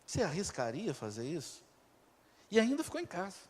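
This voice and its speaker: A male pastor with a Brazilian accent preaching a sermon, telling the story dramatically, swinging from loud to hushed. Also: sits high, wildly swooping pitch, a little fast. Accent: Brazilian Portuguese. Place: church. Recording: reverberant church hall.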